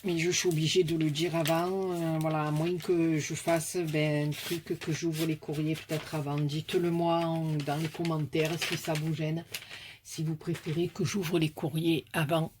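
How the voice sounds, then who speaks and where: Background noise accompanies this craft YouTuber's low, level voice at a normal speed. She has a southern French accent and affectionately chats with viewers while opening letters from followers.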